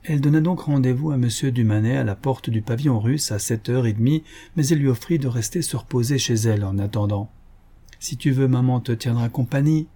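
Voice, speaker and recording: A man narrating a novel in a measured, storytelling reading. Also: mid-range voice, warm tone, husky. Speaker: audiobook narrator. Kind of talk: literary audiobook narration.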